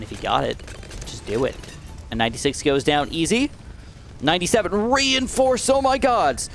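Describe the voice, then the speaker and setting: A young man commentates on gameplay for his YouTube channel, casual and excitable, in a medium-pitched voice with a dry, raspy edge. He veers from upbeat exclamations to quiet mumbled asides.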